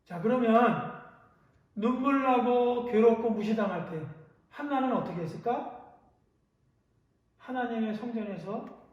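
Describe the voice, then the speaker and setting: A male pastor giving a children's sermon, telling a story with lively questions to the listeners. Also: very high-pitched, a little slow, pauses often, dull audio. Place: church hall. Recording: echoey hall, from a distance.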